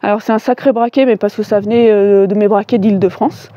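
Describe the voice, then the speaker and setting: A woman's voice: mid-range voice, fairly even intonation, a little fast, warm tone, dry recording, dull audio. A woman giving a chatty, enthusiastic walkthrough of her bikes, with lots of fillers. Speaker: cycling vlogger. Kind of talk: casual bike walkthrough.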